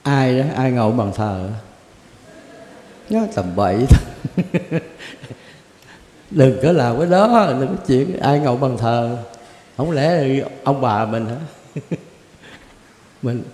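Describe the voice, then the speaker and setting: A man's voice: mid-range voice, animated, slow pace, pauses often, darkish tone. Older man in an echoey hall. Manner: blunt, colloquial, chuckling asides. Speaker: Zen Buddhist teacher. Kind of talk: answering questions in a Dharma talk. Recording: echoey hall with long reverb.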